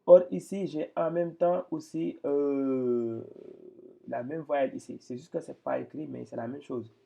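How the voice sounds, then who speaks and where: A man's voice: mid-range voice, a little slow, gravelly, dark tone. A man teaching a lesson, explaining step by step with patient repetition and frequent restarts. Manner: patient, repeats and restarts often. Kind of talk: explaining Arabic reading step by step.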